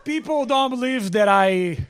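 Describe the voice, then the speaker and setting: At a live comedy show, a man with a Brazilian accent whose first language is Portuguese performs stand-up, emphatic, repeating his lines and swearing freely. His very high, clean voice has lively intonation at a measured pace. The live recording is very noisy, with loud noise and audience laughter.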